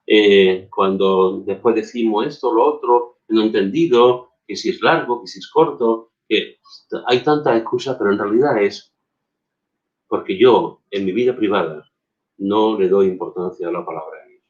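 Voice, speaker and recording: A man's voice: on the low side, normal speed. A man preaching a sermon as pastor, emphatic, repeating phrases and asking rhetorical questions. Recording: dull lo-fi recording.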